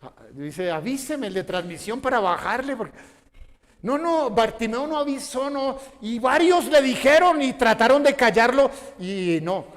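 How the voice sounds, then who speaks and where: A man preaching a sermon as pastor, asking the congregation questions and rising to shouts. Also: very high-pitched, expressive, moderate pace, in a large hall. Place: church hall.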